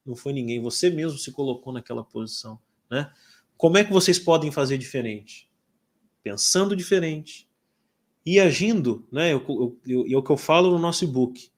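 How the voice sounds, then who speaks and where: A man in his forties from Brazil, a corporate English teacher giving a chatty live webinar talk, often tagging "né?". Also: fairly high pitch. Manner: chatty, lively, many filler tags.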